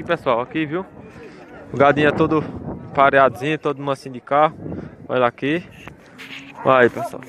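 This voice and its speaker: A vlogger at a cattle fair wanders the outdoor pens with his phone, chatting casually to viewers and repeating his call-outs to them. His voice sits fairly high, and there is background noise, with crowd chatter filling the outdoor market.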